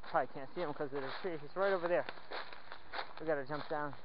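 A man chatting casually and playfully while metal detecting outdoors in the woods, excited over each find. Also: a little high, fast. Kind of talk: casual outdoor vlog commentary. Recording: dull lo-fi outdoor audio with faint wind noise.

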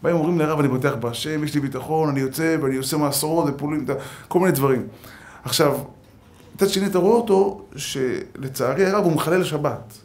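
A man, a rabbi giving a Torah lesson, telling stories with acted-out quotes and jokes. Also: on the high side.

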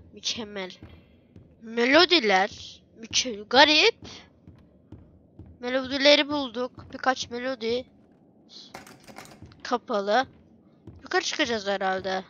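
High bright chatty woman gamer. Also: dull audio, slight background noise. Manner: chatty, excitable, talks to herself and viewers. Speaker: gameplay streamer. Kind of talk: let's play commentary.

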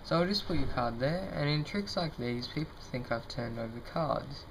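Young male amateur magician, informal and self-deprecating, medium pitch, noisy home recording with card shuffling. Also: lively intonation, moderate pace, fairly bright tone. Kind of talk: casual demonstration to camera. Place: indoors at a table.

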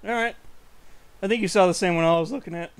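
A young man with a high, light voice talks through a game session in loose, joking commentary. He chats freely and laughs often, hosting with easy banter. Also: quick pace, clean tone. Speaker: channel host. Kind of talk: gameplay commentary.

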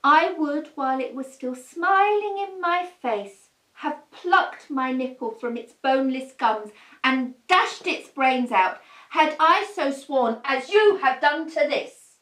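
Actress as a high, lively, scolding Lady Macbeth in a roomy space, sarcastic and bossy. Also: slow pace, exaggerated voice. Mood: scheming. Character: scheming bossy Lady Macbeth, sharp-tongued wife. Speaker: actor in a comedy film. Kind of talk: comic stage acting.

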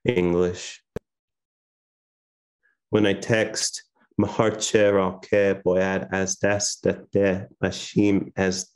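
An Iranian poet in his 30s with a deep, low voice gives a poetry reading over a laptop webcam video call from a home room hung with framed pictures. He's soft-spoken and hesitant, filling the gaps between poems with many fillers.

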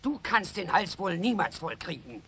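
An outraged professor in a dubbed film, accusing and scornful. His high voice is gravelly and husky, bright in tone. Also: very animated, moderate pace, full character voice. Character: indignant professor, morally outraged man.

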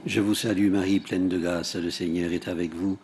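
Prayer leader, male, low register, measured steady recitation, open-air lectern mic. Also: slight background noise. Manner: steady, measured recitation with falling line ends. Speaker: prayer leader at an outdoor rosary. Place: outdoors at a large rock grotto.

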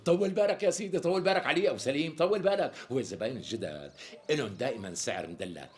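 A man playing a slick flattering Damascene tailor. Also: mid-range voice, very fast, close to an everyday voice. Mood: sweet-talking. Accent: Damascene Arabic. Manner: wheedling, evasive, chuckling salesman patter. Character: smooth-talking flattering middle-aged male tailor. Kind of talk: TV sketch comedy acting.

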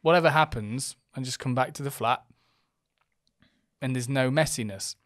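A man's voice: mid-range voice, normal speed, fairly bright tone, no room sound. A young man co-hosting a casual podcast, agreeable and relating his own experience into a studio mic. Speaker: podcast co-host. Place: small studio room with plant wall. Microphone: studio mic on boom arm, headphones.

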